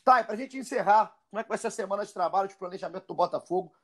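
A man's voice: sits high, very fast, a bit bright. A man with a Brazilian accent hosting a casual football show in a chatty, informal, emphatic way. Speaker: sports podcast host.

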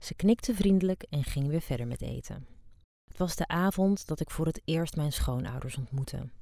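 Woman, erotic story reader, low mellow tone with some fry, dry close sound. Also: lively intonation, normal speed, no echo. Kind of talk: scripted erotic story reading.

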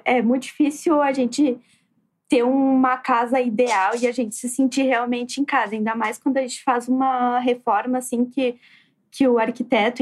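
A woman with a soft, near-whispering voice, chatting casually as a guest. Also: high voice. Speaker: guest, architect. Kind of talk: casual chat.

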